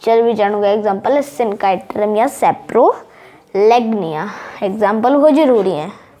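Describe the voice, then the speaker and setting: A woman's voice: mid-range voice, lively intonation, unhurried, warm tone. A woman giving a casual online lesson, repeating key terms over and over as she drills their pronunciation. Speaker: teacher.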